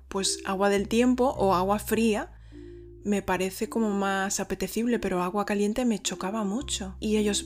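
A woman in her thirties from Spain, with a Spain Spanish accent, chatting casually as host of her own vlog. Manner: chatty, acts out quoted people in a high voice. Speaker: vlogger host. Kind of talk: casual chat to camera.

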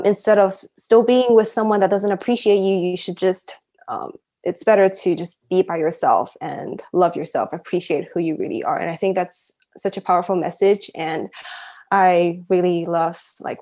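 Her lowish voice is a little mellow. A young Shanghai university student, she's a chatty, giggly interview guest who sprinkles "like" throughout casual talk and personal stories.

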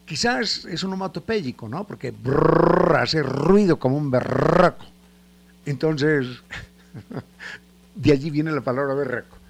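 A man teaches word usage in a relaxed, talky way. His voice sits a little high and has a gravelly edge. He repeats words while he searches for examples and chuckles now and then. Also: a little slow. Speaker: language teacher. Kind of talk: casual spoken lesson on word usage.

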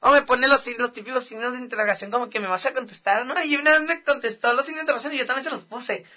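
A man's voice: extremely high pitch, racing, sharp tone. A young man with a northern Mexican accent, chatting casually and telling a story in slang, laughing often. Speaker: podcast co-host. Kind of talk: casual chat.

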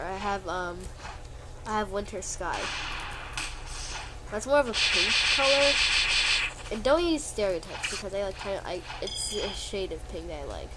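A sniffly, congested woman rambles through casual gameplay commentary for her video, teasingly complaining each time she gets hit. Her voice sits in the mid range, and the very noisy recording includes loud game music.

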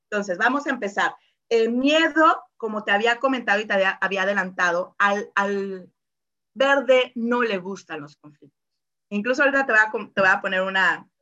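A woman with a mid-range, pushed and bright voice, captured on a muffled recording, gives a casual lesson on personality colors. She's chatty, full of fillers and tag questions, and acts out voices in quoted asides.

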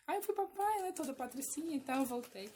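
Lively young woman telling a story fast over faint clicking noise. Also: high voice. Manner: lively storytelling with acted-out lines. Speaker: storyteller in group chat. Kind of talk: casual chat.

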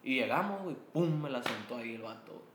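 A man's voice: mid-range voice, animated, fast talker, echoey room, background noise. A man with a Mexican Spanish accent, a guest telling a story in a casual chat over beers, slangy and laughing often. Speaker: guest entrepreneur.

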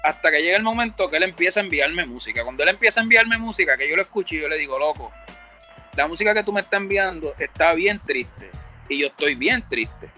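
A man's voice: fairly high pitch, lively intonation, fast talker, sharp tone, soft background music. A middle-aged man with a Puerto Rican Spanish accent, a rapper telling his story in a casual interview, rambling and reflective, acting out the dialogue he quotes. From Puerto Rico.

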